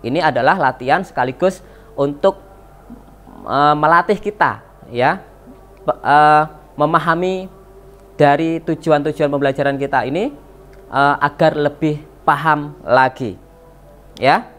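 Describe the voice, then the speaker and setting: A woman's voice: sits low, unhurried, pauses often. A woman teacher explaining a lesson to children, patient, repeating key words and checking in with them. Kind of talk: slow classroom explanation to children.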